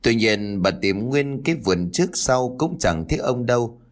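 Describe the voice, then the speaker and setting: A man narrating a ghost story in a lively storytelling manner. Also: mid-range voice, moderate pace.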